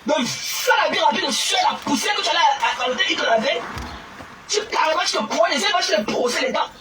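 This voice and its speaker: A woman scolding and mocking someone in an angry, shouting rant, often stammering and repeating herself. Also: high-pitched, animated, fast talker. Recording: distant mic with loud background noise.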